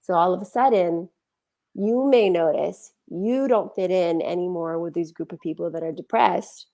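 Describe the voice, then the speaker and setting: Woman, gravelly, animated, conversational talk on healing. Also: lowish voice, moderate pace. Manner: animated, acts out quoted feelings. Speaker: speaker.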